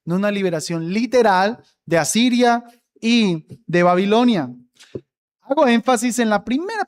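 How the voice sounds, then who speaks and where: A man preaching a sermon as pastor, emphatic, stretching key words and repeating phrases for emphasis. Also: sits high.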